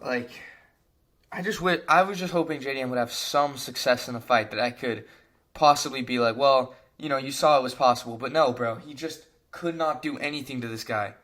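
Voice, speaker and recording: A man's voice: mid-range voice, a little fast. A young man giving a casual fight breakdown, talking animatedly and exasperatedly, filling his sentences with slang. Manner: animated, frequent "bro", exasperated rants. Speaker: MMA commentator.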